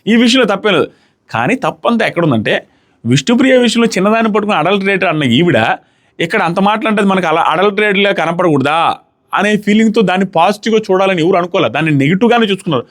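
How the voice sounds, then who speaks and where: A man retelling a reality show episode in a casual recap, dropping his voice low when he quotes people. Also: animated. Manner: rapid rambling retelling. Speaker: show reviewer.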